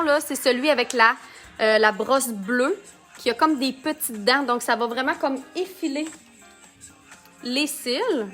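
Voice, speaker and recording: A woman's voice: high voice, fairly bright tone. A woman from Canada with a Quebec French accent, giving a chatty live makeup tutorial and greeting viewers by name. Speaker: makeup consultant. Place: home, under a ring light.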